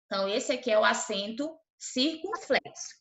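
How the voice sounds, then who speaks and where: Bright-voiced Brazilian woman teaching children. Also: a little high, lively intonation, normal speed. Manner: patient, sounds out syllables, checks in with "tá?" often. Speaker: primary school teacher. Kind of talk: online class for children. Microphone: video call. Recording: roomy, dull lo-fi call audio.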